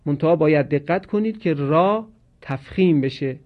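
A man teaching Quranic pronunciation in a slow, measured lesson, drawing out each example word as he recites it. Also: fairly high pitch, animated, highs cut off.

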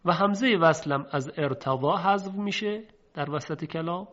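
A man teaching a recitation lesson patiently, slowing down and drawing out each example word. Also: a little high, fairly bright tone. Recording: dull lo-fi recording.

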